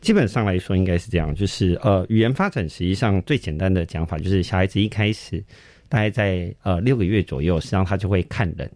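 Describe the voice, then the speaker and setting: A man's voice: deep voice, quick pace, a little mellow, no echo, clean studio sound. A man, a child-development expert guest on a radio show, explaining patiently with many filler sounds. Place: radio studio.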